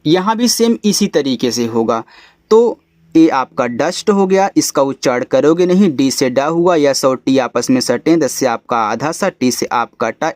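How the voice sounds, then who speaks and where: A man teaching English phonics to beginners, spelling letters out slowly and then saying each word lower. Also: darkish tone, no echo. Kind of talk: phonics lesson explanation.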